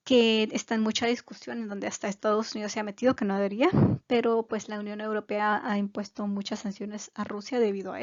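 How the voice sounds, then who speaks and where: A woman's voice: a little high, darkish tone, dry recording, muffled recording. A woman giving a casual video language lesson, chatty and digressive with many fillers. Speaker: language teacher.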